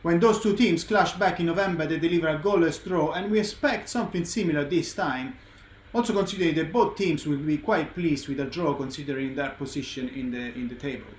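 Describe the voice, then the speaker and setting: A man presenting as a betting tipster, reeling off form and picks as the host of a tips show. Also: a little high. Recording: echoey room, faint background noise.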